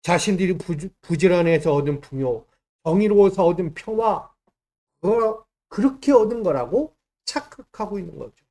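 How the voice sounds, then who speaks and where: Male pastor, high voice, emphatic sermon delivery with rhetorical questions. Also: expressive, normal speed, warm tone.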